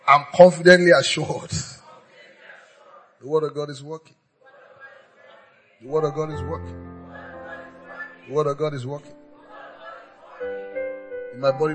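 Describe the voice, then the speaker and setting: A pastor with a fairly high, fairly bright male voice preaches a sermon. He exhorts his listeners and leads them in call-and-response declarations, repeating them with frequent hallelujahs.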